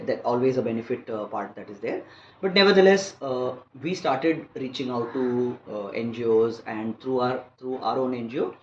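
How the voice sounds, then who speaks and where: A man's voice: mid-range voice, a little mellow. A man in his fifties with an Indian accent, speaking articulate, educated English as he explains things conversationally in an interview. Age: 50s. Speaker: interview guest, wildlife biologist and conservationist. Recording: roomy, muffled, faint background noise.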